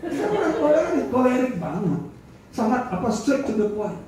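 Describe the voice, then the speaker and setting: A middle-aged man preaching a sermon as pastor, humorous and animated, acting out quotes. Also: very high-pitched, normal speed. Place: church hall. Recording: echoey room from far off.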